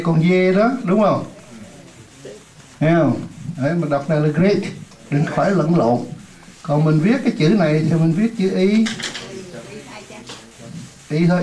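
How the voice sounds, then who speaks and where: A man with a fairly high voice leads a classroom English lesson in Vietnamese. He says each word slowly again and again for the class to repeat, then slips into chatty, joking asides. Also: mellow, low-quality recording. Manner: drills words slowly, many times over, for the class to repeat. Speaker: English teacher.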